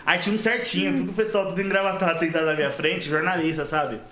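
A man's voice: high voice, steady tone, fast talker, pushed and bright, echoey room. A man telling a story in a casual podcast chat, acting out quotes and laughing often.

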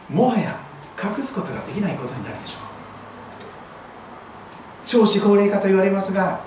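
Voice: mid-range voice, a little mellow, slight background noise. A pastor giving a sermon, telling a scripture story vividly. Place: church hall. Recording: very echoey hall, voice far from mic.

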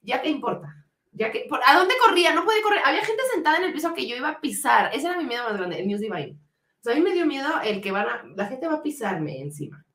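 Mexican woman co-host, fast animated storyteller, slangy, echoey room. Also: high-pitched. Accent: Mexican Spanish. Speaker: podcast co-host. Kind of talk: casual chat.

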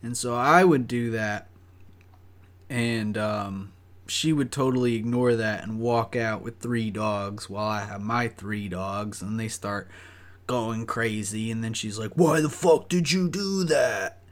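A man's voice: lowish voice, fairly even intonation, a little slow. A young man casually telling a story, rambling and swearing with lots of fillers. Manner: profane, rambling, full of fillers.

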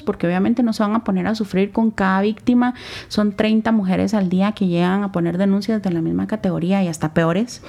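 A young woman with a Guatemalan Spanish accent, speaking as an interview guest in earnest, reflective personal testimony, in short halting phrases. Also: mid-range voice, dark tone.

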